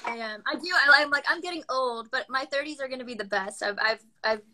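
Bright, high-voiced lively young woman. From United States. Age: 20s. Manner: animated, laughs often. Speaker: podcast guest, doctor. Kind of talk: casual conversation. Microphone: phone on a live video call.

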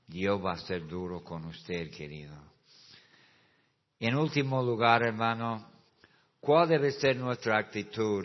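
A male pastor preaching a sermon, moving from quiet, slow asides to shouted, drawn-out climaxes. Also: fairly low pitch. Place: church hall. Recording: muffled sound with long hall reverb.

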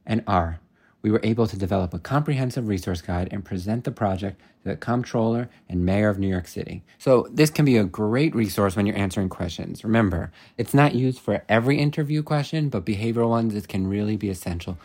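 Low husky man giving career tips. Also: brisk, a little mellow. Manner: instructive, step-by-step. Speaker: career advice presenter. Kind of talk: scripted explanatory segment.

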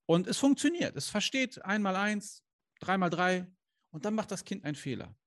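A man with a high-pitched voice talks to camera as a life coach. He is earnest and direct, firing off rhetorical questions and sprinkling in Islamic phrases. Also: very animated, moderate pace, fairly bright tone. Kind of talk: motivational coaching talk to camera. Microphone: camera he adjusts himself.

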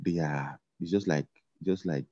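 A man talking in a relaxed conversation, halting and repeating himself with many fillers. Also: deep voice, no echo. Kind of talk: casual conversation. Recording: dull lo-fi sound.

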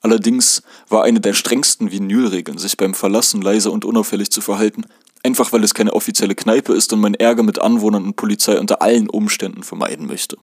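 A man from Germany reads his own first-person memoir in a calm, measured voice. His pitch sits on the low side. The recording is dry and close, with no room around it. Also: no room sound. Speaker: narrator.

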